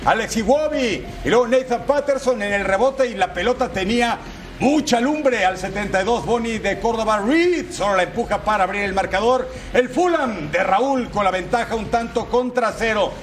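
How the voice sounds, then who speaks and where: A man giving football highlights commentary in a colloquial, exclamatory way, talking straight to the viewer. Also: expressive, moderate pace.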